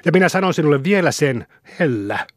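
A man voicing a nagging wife who scolds her husband in a shrill, raised voice, in an audiobook reading. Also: expressive, dry recording, clean studio sound. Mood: scolding. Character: nagging wife of a parish clerk.

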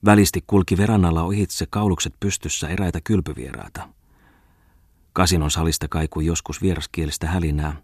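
Deep-voiced man reading an audiobook. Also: darkish tone, breathy edge, dry recording, clean studio sound. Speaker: audiobook reader. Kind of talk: scripted narration.

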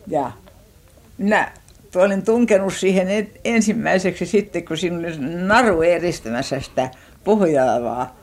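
An older woman from Finland recounting childhood memories in an unhurried oral-history style, often pausing to search for words and restarting her sentences. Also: on the low side, animated.

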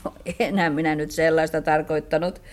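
A woman playing a busy, practical mother in a radio play, talking in a brisk, motherly way. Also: low-pitched, fairly even intonation, lightly acted.

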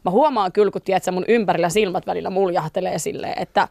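A woman's voice: fairly low pitch, creaky, darkish tone, no echo, studio quality. A middle-aged Finnish woman, a guest on a chat show, talking frankly and casually with lots of fillers. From Finland. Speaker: guest, radio and TV presenter.

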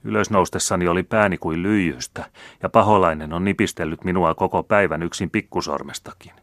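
A man's voice: low voice, steady tone, a bit bright, dry recording, clean studio sound. A man reading the part of a frightened young male servant who rambles and jumbles his words. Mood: rambling. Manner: rambling, jittery.

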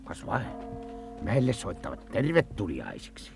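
A jumpy, blustering adventurer in a 1940s radio play. His gravelly voice swings widely and trips over stammers. He curses at every scare. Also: on the low side, huge pitch swings, a little mellow, faint music behind, exaggerated voice. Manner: stammering, cursing exclamations.

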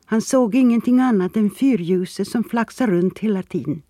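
An audiobook narrator reading fiction in an even, steady way, mid-pitched for the voice. The sound is close and dry, with no room behind it. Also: no room sound. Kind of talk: scripted narration.

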